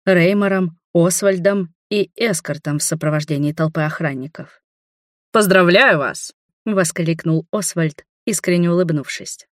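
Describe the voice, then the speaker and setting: An audiobook narrator reading a first-person fantasy romance in an even, expressive way. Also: mid-range voice, normal speed, no echo, clean studio sound.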